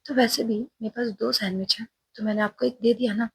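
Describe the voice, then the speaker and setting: A woman's voice: fairly high pitch, fairly even intonation, a little fast, gravelly, breathy edge, no echo, full character voice. A woman voicing a cheerful, clingy young college student who speaks in a cute, teasing way. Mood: sweet pleading.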